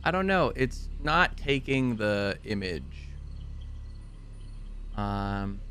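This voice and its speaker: A man's voice: on the low side, very animated, extremely slow, a bit bright, slight background noise. A man working as game master, casually narrating a tabletop fantasy game.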